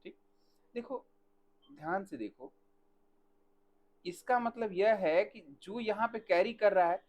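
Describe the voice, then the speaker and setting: A man teaching botany in a live online class, asking students questions by name and dictating answers slowly. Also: high-pitched, dull audio.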